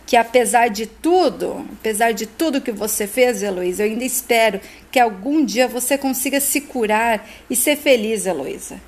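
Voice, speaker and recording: A woman's voice: fairly high pitch, moderate pace, hardly any pauses, natural voice. A woman voicing a stern, disbelieving husband in a retold soap opera scene. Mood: indignant. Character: indignant husband, adult man, horrified.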